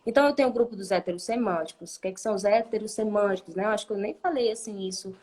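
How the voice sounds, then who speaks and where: A woman teacher speaks at a middle pitch and explains ideas patiently during a live online class. She keeps checking in with her listener through a questioning "né?" and sometimes restarts her sentences while she thinks aloud. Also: racing, a little mellow. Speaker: Spanish teacher.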